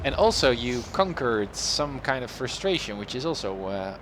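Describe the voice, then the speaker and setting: A man who isn't a native English speaker chats casually on a livestream, acting as an affectionate, encouraging flight coach; he's a flight sim streamer and informal flight instructor. His mid-range voice is very animated at a moderate pace, with a noisy background.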